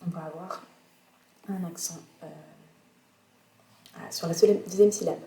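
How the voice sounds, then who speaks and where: A woman teaching English pronunciation in a recorded video lecture, speaking slowly with many fillers and self-corrections. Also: fairly low pitch, fairly even intonation, warm tone. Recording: echoey room, faint noise.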